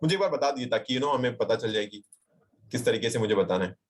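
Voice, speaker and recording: A man's voice: medium pitch, lively intonation, fast. A young man with an Indian accent teaching a live webinar tutorial, chatty and reassuring, mixing English phrases into his talk and checking in with viewers. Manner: reassuring, addresses viewers directly and reads chat replies aloud. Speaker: digital marketing trainer. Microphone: computer mic on a webinar call.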